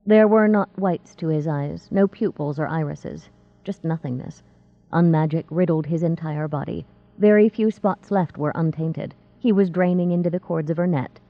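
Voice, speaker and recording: A woman narrating a fantasy novel in a steady, measured reading. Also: sits low. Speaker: audiobook narrator. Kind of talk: scripted narration. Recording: tinny phone-like dry sound.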